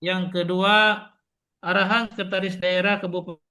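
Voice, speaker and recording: A man's voice: sits high, flat delivery, normal speed, pushed and bright. A man moderating a formal online meeting, reading out the agenda, his voice breaking up and glitching over a choppy video call connection. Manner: formal, reads out the agenda item by item. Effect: choppy, cutting-out video call audio.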